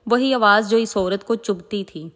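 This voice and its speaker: Brief: woman narrator, dramatic and emotive storytelling, mid pitch, long reverb on the voice. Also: a bit bright. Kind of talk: narrating a moral religious story.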